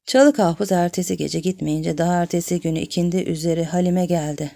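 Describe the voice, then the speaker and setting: A woman narrating a novel in a calm, measured reading voice. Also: lowish voice, creaky. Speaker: audiobook narrator.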